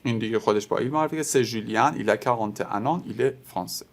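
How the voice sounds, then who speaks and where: Man teaching French to beginners. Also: mid-range voice. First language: Persian. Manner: explains step by step, repeating example words slowly. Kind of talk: teaching lesson explaining textbook audio.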